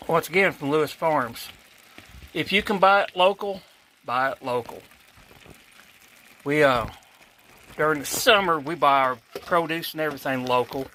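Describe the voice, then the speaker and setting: A man's voice: fairly high pitch, normal speed, pauses often, sharp tone, slight background noise. A man from Kentucky with an Appalachian accent hosting a home cooking vlog in a folksy, chatty way, correcting himself as he goes. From Kentucky, USA. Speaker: cooking channel host. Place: home kitchen.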